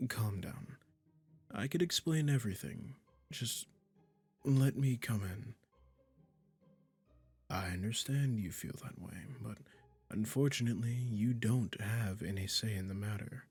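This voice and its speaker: In an intimate roleplay audio drama with music underneath, a man voices a possessive, obsessed male witch in a low, gravelly, exaggerated tone. He drawls slowly and deliberately, coaxing with condescending endearments and quiet menace. The mood is coaxing and insistent, and his soft manner is controlling.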